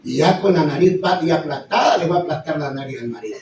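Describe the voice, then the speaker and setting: A man preaching a sermon, bursting into sudden high exclamations and acting out quoted voices. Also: expressive, fast, a little mellow. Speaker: pastor. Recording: echoey far-off room mic, slightly dull, faint noise.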